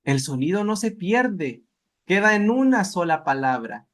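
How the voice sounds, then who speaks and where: A patient male teacher with a Salvadoran accent leads a class. His voice sits high for a man, and he talks at an unhurried pace. He says each practice word aloud several times over. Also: sing-song. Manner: slow, patient, repeats words aloud for drilling. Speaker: language teacher. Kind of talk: live class instruction.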